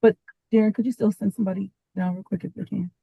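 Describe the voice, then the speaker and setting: A woman on a call who is helping to run a public meeting, speaking in a brisk, practical way. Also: mid-range voice, fairly even intonation, gravelly, mellow, slightly rough, no room sound, rough recording. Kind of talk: casual meeting talk.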